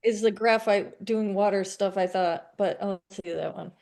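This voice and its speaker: A woman's voice: medium pitch, fairly even intonation, a little slow, darkish tone. Casual woman trailing off mid-thought. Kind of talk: casual livestream chat.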